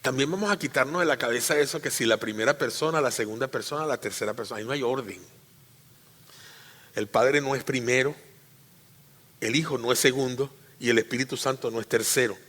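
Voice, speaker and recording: In a reverberant church hall, a male pastor gives a teaching sermon with a mid-range voice at a fairly quick pace. He repeats phrases, questions the congregation, and alternates between emphatic loud peaks and quiet asides.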